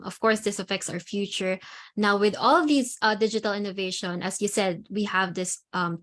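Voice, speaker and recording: Filipino woman interviewer, medium-pitched, halting. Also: a bit bright. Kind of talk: semi-formal interview questioning.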